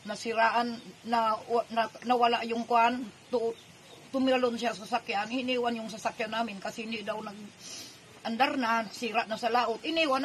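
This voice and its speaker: A woman's voice: on the high side, slight background noise, rough recording. Older woman recounting hardship earnestly. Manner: earnest, tearful, retells her own quoted words. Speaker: grandmother telling her family's story. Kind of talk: emotional personal account.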